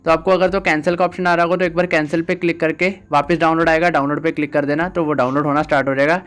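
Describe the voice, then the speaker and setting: A man giving a patient, step-by-step tutorial on phone settings, pausing with "ah" as he explains each option. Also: fairly high pitch, level tone, a bit bright, smooth. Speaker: tech tutor.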